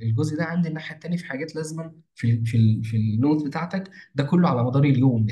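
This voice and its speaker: A young marketing mentor with an Egyptian Arabic accent walks a viewer through a daily planning routine in a casual screen-share tutorial. He speaks rapidly in a mid-range, dark-toned voice, often repeating himself and restarting words, with many false starts and stretched fillers.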